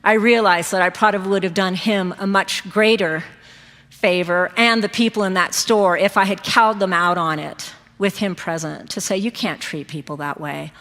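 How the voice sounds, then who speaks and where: Middle-aged woman preacher, conversational storyteller, crisp bright tone, long church reverb. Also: mid-range voice, steady tone, moderate pace. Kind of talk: sermon.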